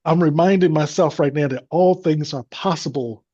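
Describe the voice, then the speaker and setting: A man's voice: on the high side, normal speed, mellow, husky, lo-fi sound. A man telling a personal faith story as a guest, in an earnest, devout manner. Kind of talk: personal testimony.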